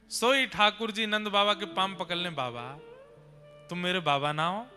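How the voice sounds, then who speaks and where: Bright-voiced Braj preacher telling a devotional tale. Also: male voice, high-pitched. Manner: animated, conversational storytelling to an audience. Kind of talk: devotional katha storytelling. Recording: long hall reverb with music.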